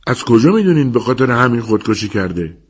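A man voicing a brash, loud young man of the street in an audiobook, calling out in a raised voice. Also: medium pitch, very animated, slightly rough, voice pushed up. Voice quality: raised shouting tone. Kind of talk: audiobook character voice.

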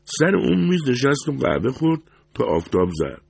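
A man voicing a big, calm diner manager with a deep voice, speaking politely and formally. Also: creaky, slightly rough, no room sound, full character voice.

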